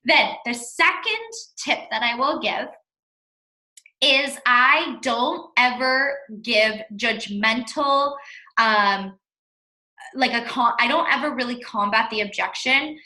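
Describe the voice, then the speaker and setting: A woman's voice: fairly high pitch, lively intonation, slow, sharp tone. A woman giving a casual coaching talk as a fitness coach training her team, blunt and emphatic, repeating words for stress. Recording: echoey room.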